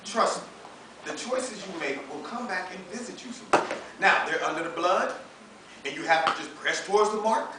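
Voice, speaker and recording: Picked up by a distant mic amid faint noise and echo, a high-voiced American preacher in his thirties speaks at normal speed with lively intonation. His animated, conversational sermon is emphatic and colloquial, using rhetorical questions and dialogue he acts out.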